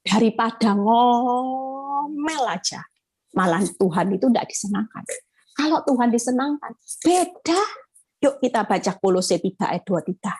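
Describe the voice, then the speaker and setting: A woman evangelist, preaching an animated sermon over a video call and addressing listeners directly. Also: fairly high pitch, moderate pace, breathy edge.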